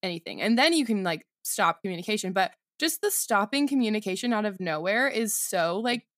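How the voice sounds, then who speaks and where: A woman's voice: medium pitch, expressive, fairly quick, a bit bright. Woman being super blunt, lots of like, just chatting. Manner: blunt, opinionated, says like a lot. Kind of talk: casual chat.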